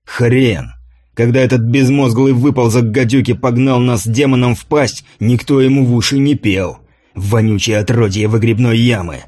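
A man's voice: medium pitch, steady tone, normal speed, darkish tone, natural voice. A man doing a growling drunken old soldier. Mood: raging. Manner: growling, surly. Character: gruff drunken one-armed male soldier commander.

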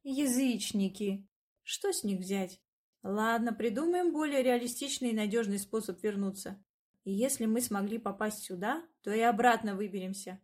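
A woman tells a first-person fantasy story as audiobook narration. Her delivery is lively, and she gives the narrator's asides an ironic edge. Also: on the high side, normal speed.

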